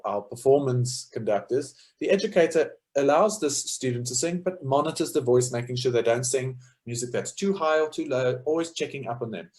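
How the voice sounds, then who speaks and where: A mid-range, slightly mellow male voice leads an informal lecture on choral music, with sung demonstrations. He explains step by step in a thinking-aloud way, dropping fillers frequently.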